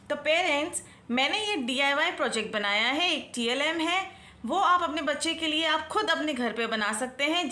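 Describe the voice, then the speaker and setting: Young woman, phonics teacher; bright, high voice; slow, deliberate sounding-out of letters; echoey room. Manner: slow clear sounding-out of letters, stretching syllables. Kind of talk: phonics lesson for young children and parents.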